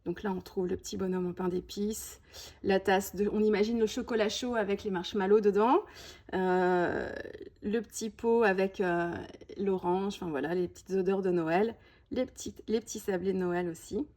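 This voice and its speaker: A woman's voice: mid-range voice, fairly even intonation, normal speed, darkish tone. A woman presenting a scrapbooking collection in a casual show-and-tell, chatty and full of small "hop" and "voilà" asides. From France. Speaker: scrapbooking video host.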